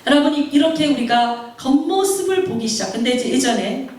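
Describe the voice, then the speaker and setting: High-voiced woman preaching in an echoey hall. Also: brisk. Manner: animated, acts out quoted voices. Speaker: missionary preacher. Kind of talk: sermon with personal storytelling. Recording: very echoey hall, mic far off.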